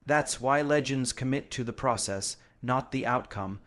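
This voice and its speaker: A man with a medium-pitched voice delivers a scripted motivational speech. He speaks emphatically and declaratively, breaking his message into short, punchy phrases like a gym motivation narrator. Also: unhurried, a bit bright.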